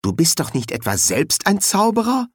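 Male narrator playing a jumpy, feisty young woman, pitched up. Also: huge pitch swings, normal speed, husky, dry recording, studio quality, exaggerated voice. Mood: anxious. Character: anxious, spirited young actress.

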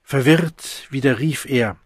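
A man narrates an audiobook in a measured, even manner. His voice is slightly husky and sits mid-range. The recording is dry and close. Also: medium pitch, no room sound.

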